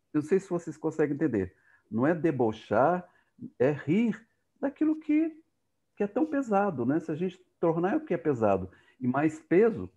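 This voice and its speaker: Animated man telling a personal story. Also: fairly high pitch, slightly rough, highs cut off. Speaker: speaker.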